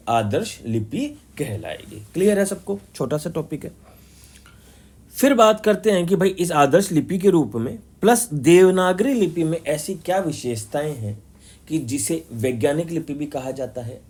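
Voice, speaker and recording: A man giving a classroom lecture, explaining step by step, slowly sounding out syllables and often checking that students follow. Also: a little high, darkish tone, breathy edge. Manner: explanatory, repeats key terms and checks understanding. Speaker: teacher.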